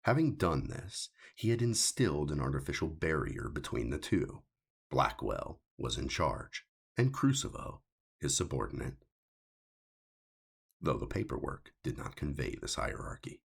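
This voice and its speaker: A very deep, gravelly and husky male voice reads the author's own science fiction story as scripted audiobook narration. The reading is measured and deliberate but very animated.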